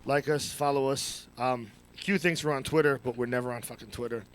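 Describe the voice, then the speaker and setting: Loud joking New podcast host. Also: male voice, medium pitch, fairly even intonation, brisk, slight background noise. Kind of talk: casual live podcast chat. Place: office studio. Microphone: headphones and studio mic.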